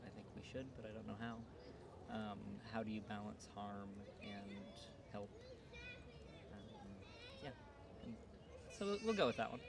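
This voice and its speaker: A man's voice: fairly low pitch, big pitch swings, moderate pace, pauses often. A man in a casual street interview, thinking aloud and hesitating with ums. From East Africa and the US. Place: city street outdoors. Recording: street noise behind.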